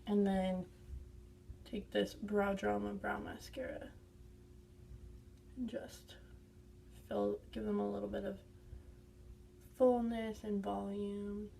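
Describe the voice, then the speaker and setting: A congested woman talks through her everyday makeup routine in a casual, chatty way, naming each product and step. Her mellow voice has a gravelly edge. She sits a little back from the mic, with a faint hum behind her. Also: mid-range voice, flat delivery, slow pace, pauses often, distant mic. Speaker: beauty vlogger.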